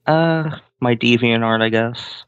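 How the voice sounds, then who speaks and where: A man's voice: mid-range voice, takes it slowly, clean tone. Hesitant man on a dull line. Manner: hesitant, unsure answers. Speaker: guest on a stream.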